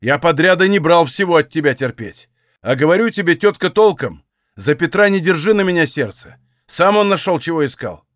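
A man's voice: on the high side, expressive, fairly quick, a bit bright, no echo, clean studio sound. A man doing a stubborn young Cossack man. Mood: blunt. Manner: blunt, folksy rural speech.

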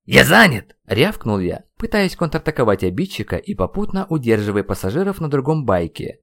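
A man reading a fantasy audiobook as a first-person narrator, telling the story expressively. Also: lowish voice. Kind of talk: scripted narration.

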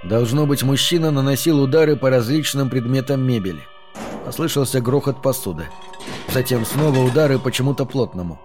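A man narrating an audiobook in a calm, measured way. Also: medium pitch, faint music behind. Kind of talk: scripted narration.

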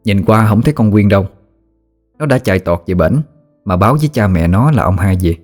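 A man with a Southern Vietnamese accent narrating a ghost story in a lively storytelling manner. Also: on the low side, a little fast, soft background music.

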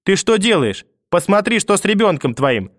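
A man's voice: a little high, animated, moderate pace, dry recording, clean studio sound, pitched above the performer's own voice, close to an everyday voice. A man voicing a furious old grandmother who spits curses and threats in a raised, strained voice. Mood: screaming. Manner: venomous, screaming curses. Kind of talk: audiobook character voice.

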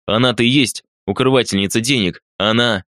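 A man's voice: medium pitch, a little fast, fairly bright tone, no echo, clean studio sound, lightly acted. A man voicing a wounded young man who speaks coldly and curtly. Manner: cold, curt.

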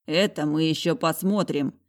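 A woman voicing an angry, possessive young man who speaks slowly through gritted teeth. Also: low-pitched, close to an everyday voice. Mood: stern. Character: stern possessive young man, barely holding anger.

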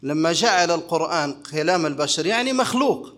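A man's voice: on the high side, animated, brisk, fairly bright tone. A man teaching a religious creed lesson as a sheikh, asking his listeners rhetorical questions and answering them himself. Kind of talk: religious lecture.

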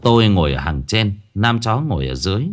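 A man narrating a first-person story in a gruff, dramatic way. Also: lowish voice, sing-song, brisk, faint music behind. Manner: gruff and dramatic, acting out his own shouted lines.

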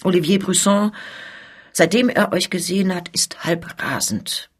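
A woman voicing a formal, persuasive male police officer in a dramatic reading, her voice husky. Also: lowish voice, a little slow. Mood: urgent.

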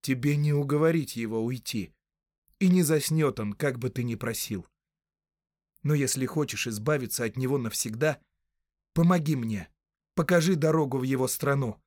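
A man doing a stern, measured young hero. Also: medium pitch, darkish tone, dry recording, studio quality, lightly acted. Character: grave, steady young male hero.

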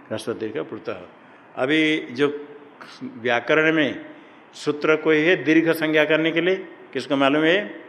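Male teacher, slow deliberate delivery, medium pitch, long reverb of a big hall, light background hiss. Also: a bit bright. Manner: slow, drawn-out chanting of vowels and rules, quizzing students. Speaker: Sanskrit grammar teacher. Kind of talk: classroom lecture. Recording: faint room ambience, long hall reverb.

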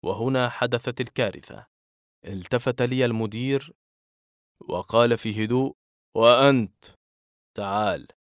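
A man narrating a children's story in an even, expressive reading voice. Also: medium pitch, moderate pace, long pauses, dry recording, studio quality.

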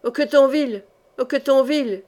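A woman's voice: on the high side, a little slow, natural voice. A woman reading the part of a vengeful voice that calls out of the night and promises death, in an audiobook. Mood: menacing. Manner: menacing shouts. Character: vengeful phantom voice crying out from the dark.

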